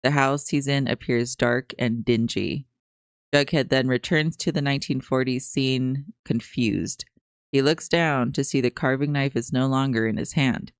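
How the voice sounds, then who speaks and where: A podcast co-host reads TV recap notes in a tongue-in-cheek newscaster style, then slips back into casual chat. The voice sits at a middle pitch. It is recorded close and dry, with no room sound. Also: steady tone, normal speed, clean tone, no room sound.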